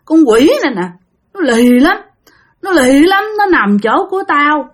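A woman's voice: sits high, sing-song, unhurried, pitched above the performer's own voice. A woman voicing a fierce, growling old female spirit who has possessed someone and makes harsh, repeated demands. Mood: demanding. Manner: demanding, threatening, repetitive.

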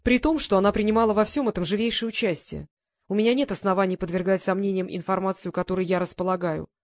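A woman reading the lines of an urgent, blunt young English gentleman in an audiobook, in a pressing, hurried manner. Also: medium pitch, dry recording, studio quality, lightly acted.

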